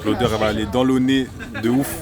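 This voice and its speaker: A young man hosting a vlog, joking in quick slangy banter with friends aboard a crowded train. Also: medium pitch, steady tone, crowd noise. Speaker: vlogger host. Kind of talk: casual chat.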